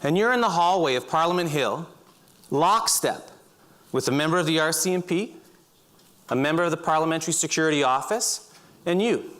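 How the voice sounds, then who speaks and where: A middle-aged man telling vivid second-person stories on a stage, breaking into loud shouts. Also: fairly high pitch, lively intonation, fairly quick. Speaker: speaker. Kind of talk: storytelling talk. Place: auditorium stage.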